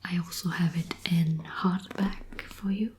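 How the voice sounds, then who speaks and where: A woman in a whispered role-play as a librarian, speaking in a soft, gentle, unhurried library whisper. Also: on the low side, steady tone. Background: soft clicking and tapping sounds.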